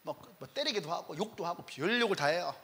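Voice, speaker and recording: A man's voice: sits high, quick pace, creaky, big-room sound. A male pastor preaching a Wednesday sermon, telling army stories and acting out the voices in them. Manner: animated storytelling, acts out quoted voices, laughs often. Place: church sanctuary.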